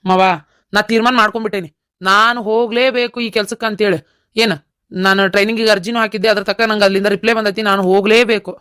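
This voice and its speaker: For a cartoon, a performer plays an earnest, stubborn young villager determined to become a soldier, speaking with a North Karnataka Kannada accent. The voice is medium-pitched, fast and level, pushed and bright yet clean and close to everyday speech.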